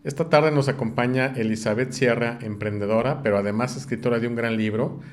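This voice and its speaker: A man's voice: mid-range voice, fairly even intonation, a little fast. Friendly man hosting a podcast. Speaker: podcast host.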